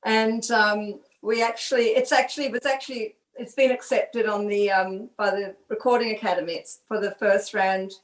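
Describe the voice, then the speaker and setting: A woman's voice: medium pitch, fairly even intonation, normal speed, hardly any pauses. Roomy, distant woman. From Swansea, Wales. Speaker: musician and songwriter, podcast guest. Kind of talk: casual conversation on a music podcast. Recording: roomy echo, distant from the mic.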